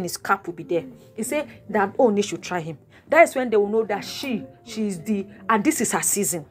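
A woman with a Nigerian accent hosting her own gossip vlog, retelling what others said in an emphatic, dramatic storytelling way with repeated asides and exclamations. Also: mid-range voice. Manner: bursts of exclamations and sound effects. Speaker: celebrity gossip vlogger.

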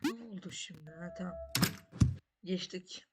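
A woman's voice: fairly low pitch, unhurried. A woman giving casual commentary while playing a frustrating platform game, talking to herself and repeating short phrases. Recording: loud background noise with clicks.

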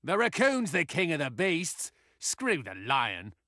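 A scrappy little raccoon soldier from a fighting game, cocky and sarcastic. The voice is high and gravelly, swooping wildly as it throws out brash taunts. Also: male voice, wildly swooping pitch, slow, sharp tone, dry recording, clean studio sound, full character voice. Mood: sarcastic, smug. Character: cocky, foul-mouthed, scrappy male raccoon space soldier.

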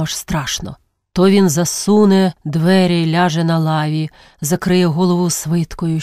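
Woman reading literary prose, measured. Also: fairly low pitch, dry recording, studio quality. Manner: measured, expressive storytelling with drawn-out pauses. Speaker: narrator.

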